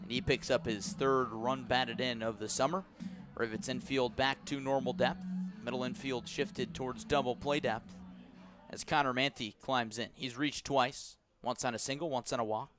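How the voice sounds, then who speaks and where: Music runs in the background as this American-accented man calls a baseball game live on radio. His tone stays steady; he's even-paced between pitches and climbs when a big play happens.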